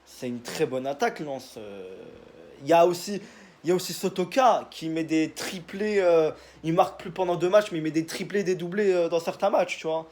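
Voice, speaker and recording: A man's voice: fairly high pitch, normal speed, a little mellow. A young man, casually giving his football predictions in a rambling, joking monologue full of fillers. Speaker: football video creator.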